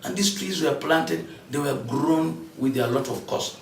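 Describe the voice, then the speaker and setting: A man, a candidate speaking at a meeting and turning animated when he stresses a point. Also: unhurried, vocal fry, slight background noise. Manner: animated, rising to a higher, louder pitch when emphatic. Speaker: parliamentary candidate addressing a security committee. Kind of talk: spontaneous address at a meeting. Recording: echoey room from far off, faint ambience.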